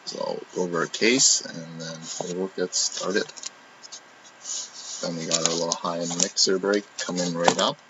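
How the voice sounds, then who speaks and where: A man's voice: sits low, steady tone, unhurried. A man hosting a live trading-card box break, casually reading out a long list of teams and names, correcting himself often. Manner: reads off a long list of names, with frequent restarts. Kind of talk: casual live-stream commentary. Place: indoor room. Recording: dull lo-fi stream audio with faint noise.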